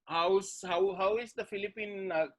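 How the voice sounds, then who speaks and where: A man's voice: high voice, steady tone, moderate pace, fairly bright tone, rough recording. A male host interviewing a musician in casual chat, friendly and laughing, with many fillers in his questions.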